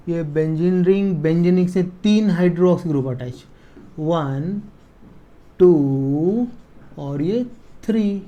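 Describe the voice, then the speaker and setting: A man teaching a chemistry lesson at a board, dictating notes slowly word by word and checking that students follow, with in the technical terms. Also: high voice, dark tone. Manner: slow dictation, drawn-out words, frequent checks for understanding.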